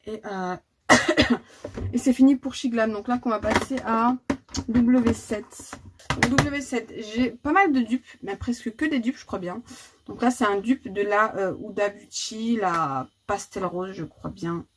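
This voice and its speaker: A woman's voice: on the high side, measured pace. Girl rambling through her makeup stash, lots of euh, noisy background. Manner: chatty, with many fillers and repeated words. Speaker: beauty vlogger. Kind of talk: casual vlog showing her makeup collection. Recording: noticeable background noise.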